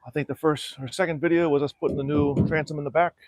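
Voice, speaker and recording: A middle-aged man from South Florida, hosting a casual livestream from his backyard and explaining, in a relaxed and practical way, how he is restoring a small boat. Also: on the high side, fast talker, dry recording. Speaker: channel host restoring a boat. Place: backyard outdoors.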